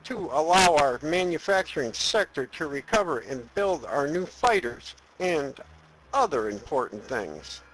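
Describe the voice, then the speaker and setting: A high-pitched, deferential space henchman, formal, wary and dryly weary. He advises an evil emperor in a comic audio drama, with music underneath. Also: sing-song, unhurried, poor audio. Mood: cautious. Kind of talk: comedic audio drama acting.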